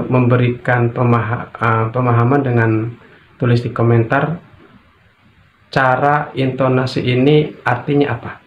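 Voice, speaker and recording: A man giving a recorded grammar lesson, deliberate and repetitive, with occasional fillers. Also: medium pitch, a little hiss or hum. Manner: deliberate, repeats key phrases, occasional fillers. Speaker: grammar teacher. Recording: echoey room, dull lo-fi sound.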